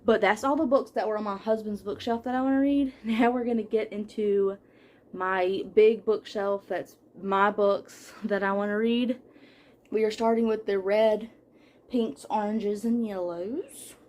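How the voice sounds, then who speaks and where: A woman's voice: medium pitch, fairly even intonation, unhurried, darkish tone. A young adult woman chatting casually as a book vlogger at home, listing titles from her shelves with fillers and small laughs. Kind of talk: casual book haul chat. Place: home room with bookshelves.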